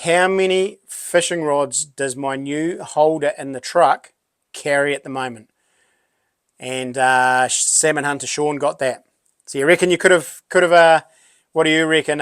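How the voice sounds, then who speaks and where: Higher-voiced Kiwi bloke with a broad accent. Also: male voice, steady tone, moderate pace, clean tone, dry recording, clean studio sound. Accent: broad New Zealand. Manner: matey, laid-back and rambling, with local slang. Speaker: livestream host. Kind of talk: casual live chat, answering viewers.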